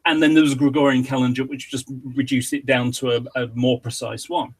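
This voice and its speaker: A man's voice: medium pitch, level tone, fairly quick. A British man guesting on a podcast, chatting casually and rambling off on tangents. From Britain.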